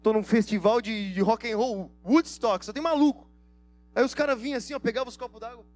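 High-voiced animated male preacher. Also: fairly quick, faint music behind. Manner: animated, slangy storytelling, acting out dialogue. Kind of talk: sermon with storytelling.

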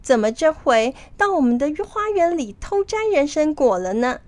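A woman's voice: sits high, sing-song, moderate pace, a little mellow, no echo, voice pushed up. A woman voicing an indignant young immortal boy who accuses others in a huffy tone. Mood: accusing.

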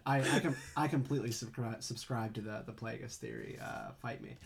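Gravelly playful male podcaster. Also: medium pitch, steady tone, a little fast, a crowd in the background. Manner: playful, joking asides. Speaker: podcast co-host. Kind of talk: casual fan chat.

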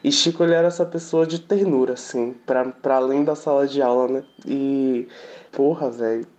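A man hosting a casual podcast, talking in an emotional, halting way with frequent restarts. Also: mid-range voice, fairly even intonation, a little mellow. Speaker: podcast host. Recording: dull lo-fi audio.

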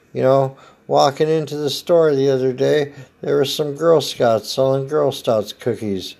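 Male podcast comic, 50s, American, smoker's rasp with heavy fry, unhurried, dry rambling delivery. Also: mid-range voice, a little mellow. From Oregon, United States. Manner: rambling, dry, laid-back, swearing. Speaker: comedian podcast host. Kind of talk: casual solo comedic monologue.

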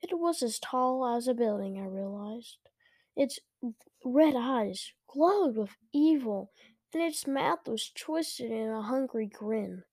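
A woman hosting a podcast, reading a children's horror book aloud slowly and carefully, with small slips. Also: a little high, lively intonation, darkish tone, dry recording, studio quality. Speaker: podcast host and reader.

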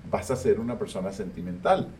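A man's voice: medium pitch, very animated, a little fast, creaky, darkish tone. A man hosting a casual interview podcast, talking bluntly and with strong opinions. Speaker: podcast host. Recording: distant mic with faint ambient noise.

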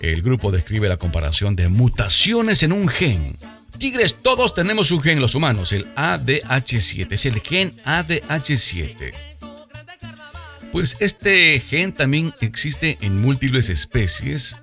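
A man hosting a radio show, talking in a playful, theatrical comedic monologue and addressing listeners directly with drawn-out emphasis. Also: mid-range voice, big pitch swings, pushed and bright, soft background music.

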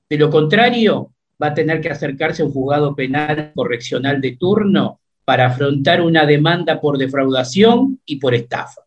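A man's voice: on the high side, animated, moderate pace, few pauses, muffled recording. A man playing a lawyer in a comic sketch, speaking in a formal, firm and official way.

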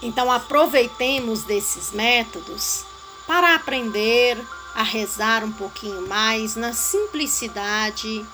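A woman giving a calm, measured devotional teaching on a way of praying. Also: fairly high pitch, soft background music, rough recording. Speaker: spiritual guide.

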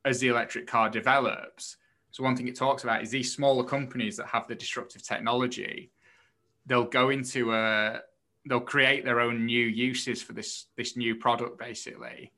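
Bright sounding guy explaining stuff casually on a podcast, bit tentative, medium pitch. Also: little pitch movement, moderate pace. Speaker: podcast co-host reviewing a book.

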